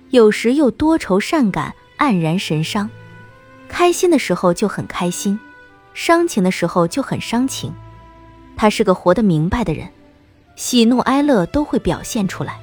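A woman narrating a novel in the first person with expressive storytelling. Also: mid-range voice.

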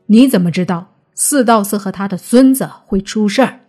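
A woman puts on a stern old clan elder who leans on his cane and bellows at his kin. The voice climbs high and loud, a little husky, with faint music under the storybook reading. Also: moderate pace, lightly acted. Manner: furious shouting, scolding.

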